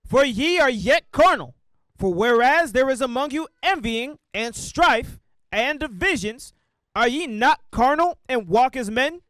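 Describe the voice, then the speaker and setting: Very high-voiced man reading scripture. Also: lively intonation, a bit bright, no room sound, poor audio. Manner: slow, deliberate reading of old-style verse. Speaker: scripture reader.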